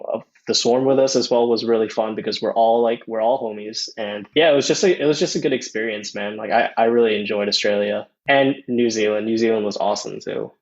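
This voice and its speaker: A young man who grew up in Thailand chats casually as a guest musician in an interview, laid-back and sprinkling in plenty of "dude" and "man." His voice is lowish and the audio sounds dull.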